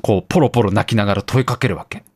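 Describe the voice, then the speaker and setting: A man's voice: on the low side, racing, husky, no echo. A man in his thirties animatedly retelling a film on a casual radio talk show, acting out lines and laughing often. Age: 30s. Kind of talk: casual chat retelling a film with acted quotes.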